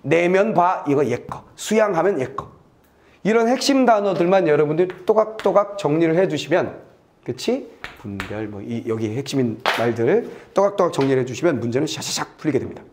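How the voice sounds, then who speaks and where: A middle-aged man lecturing on a test passage in a lively, playful way. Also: fairly high pitch, a little fast, slight background noise. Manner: lively, playful, acts out little scenes and sound effects. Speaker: Korean literature tutor. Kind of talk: lecture with acted examples.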